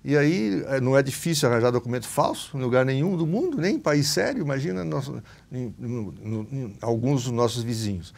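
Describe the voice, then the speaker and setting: A man commenting in a studio chat, lively and wry. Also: medium pitch, brisk, gravelly. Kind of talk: casual chat.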